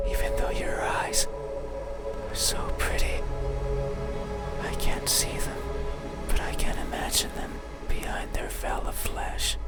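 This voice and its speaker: A man plays an eerie, needy monster at someone's bedside in a horror game, begging to be looked at in a breathy, intimate, halting whisper. His lightly acted, ASMR-like monologue is slow, coaxing and creepy. Loud music plays underneath his voice.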